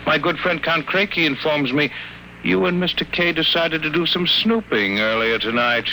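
A silky, sinister doctor. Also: male voice, a little high, moderate pace, low-quality recording. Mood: cold. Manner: calm, silky and coolly menacing. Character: cold, soothing sinister doctor. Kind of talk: 1940s radio acting. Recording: old radio broadcast with faint hiss.

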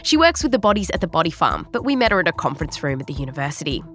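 Animated Australian woman narrating. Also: deep voice, rapid-fire, faint music behind. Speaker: host and narrator. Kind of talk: scripted science documentary narration.

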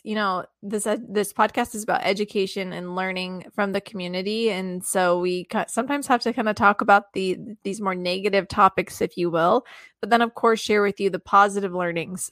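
A woman's voice: mid-range voice, fairly bright tone, dry recording, clean studio sound. Chatty upbeat woman podcast co-host. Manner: chatty and upbeat, playful asides. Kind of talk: casual podcast chat.

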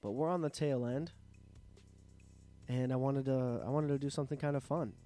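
A man's voice: mid-range voice, steady tone, moderate pace, mellow, faint music behind. Nasal sick man rambling on a podcast. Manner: rambling, profane, self-interrupting. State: sick, sore throat and coughing. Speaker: podcast host. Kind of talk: casual solo podcast monologue. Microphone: studio microphone.

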